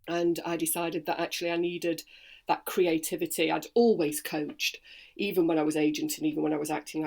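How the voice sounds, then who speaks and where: A woman's voice: low-pitched, gravelly. A woman in her forties from Sheffield with a Yorkshire accent, a voice and accent coach chatting freely in an interview. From Sheffield, England. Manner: chatty and animated, quick bursts of storytelling. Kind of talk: relaxed interview chat.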